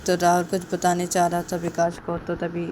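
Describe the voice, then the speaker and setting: A woman's voice: on the low side, completely flat delivery, moderate pace, a little mellow, a little hiss or hum, rough recording. A woman telling a romance story, linking events with repeated connecting words in a plain narrating voice. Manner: repetitive, linking clauses with "then".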